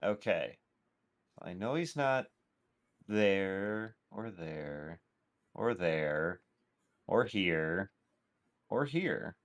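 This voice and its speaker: A man playing in a tabletop game, calmly explaining his character's moves. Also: low voice, extremely slow, pauses often. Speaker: player. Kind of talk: casual tabletop play.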